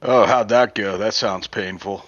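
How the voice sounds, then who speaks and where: A man's voice: lowish voice, fairly even intonation, a little slow, fairly bright tone, no echo. A man hosting a casual live-stream chat, laid-back and sympathetic, talking over an online voice call. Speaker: channel host. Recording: dry, muffled lo-fi voice chat audio.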